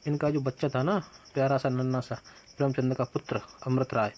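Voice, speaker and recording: A man's voice: medium pitch, level tone, brisk, a little mellow, highs cut off. Playful male teacher quizzing his students. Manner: playful, answers his own questions with jokey memory tricks; addresses students as "bhaiya". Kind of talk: exam-prep quiz lesson.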